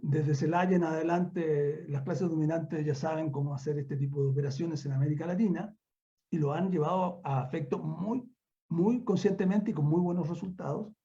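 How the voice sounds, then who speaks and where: Speaking as a guest university professor in an impromptu online lecture, an older man with a Chilean accent uses a slightly high, warm voice at a moderate pace. He is emphatic, repeating words for weight. The remote conference call audio sounds dull and lo-fi.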